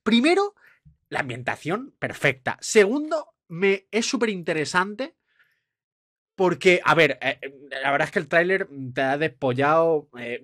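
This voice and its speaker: A young man with a Spain Spanish accent, hosting an excited film trailer reaction, gushing and swearing. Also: fairly high pitch, dry recording, clean studio sound.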